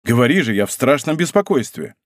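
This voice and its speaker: A man reading an audiobook, voicing a cool, brooding musketeer who speaks in a low, hollow, measured way. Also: big pitch swings, no room sound, clean studio sound, close to an everyday voice. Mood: grave. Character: cool, brooding older musketeer, grave and commanding.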